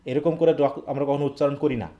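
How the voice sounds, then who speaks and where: Fast-talking male English teacher. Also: fairly high pitch, steady tone, mellow, muffled recording. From Bangladesh. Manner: asks questions and checks understanding. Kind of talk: live online class.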